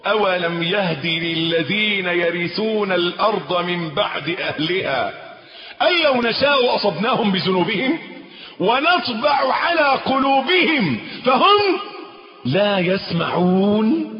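A man with an Egyptian Arabic accent giving a sermon. He swings from hushed murmurs to sudden shouts and chants verses. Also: sits high. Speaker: preacher. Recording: echoey hall, dull lo-fi sound.

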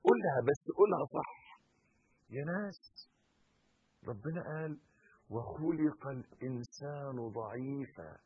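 A male preacher with an Egyptian Arabic accent giving a sermon, swinging between hushed pleading and impassioned shouting. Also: mid-range voice, animated, unhurried, long pauses, slightly rough, no echo, narrow, tinny audio.

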